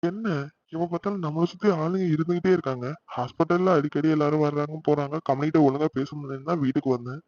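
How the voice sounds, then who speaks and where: A man voicing a fast-talking young cartoon husband. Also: on the high side, steady tone, a little mellow, close to an everyday voice. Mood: grumbling. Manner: reassuring but quickly exasperated. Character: young husband home from hospital, easily fussed. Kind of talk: cartoon voice acting. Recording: dull lo-fi recording.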